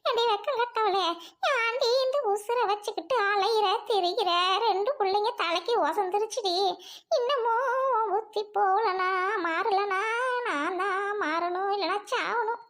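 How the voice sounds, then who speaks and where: A woman's voice: a little slow, a bit bright. A woman voicing a foul-mouthed, scolding old mother-in-law in a family drama. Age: older. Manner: shrill, scolding, cackling insults. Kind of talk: family radio-play acting.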